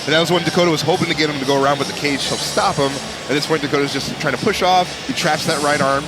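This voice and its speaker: A man commentating on a fight live, explaining the action with animated asides. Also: fairly high pitch, fast talker, over loud music. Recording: very noisy venue.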